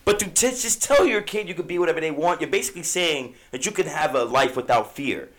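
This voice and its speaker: Guy in his 30s cohosting a podcast, high-ish voice that bounces around a lot, swears a ton, loose and chatty. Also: quick pace. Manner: animated, profane, swings from soft to loud. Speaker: podcast co-host. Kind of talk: casual chat.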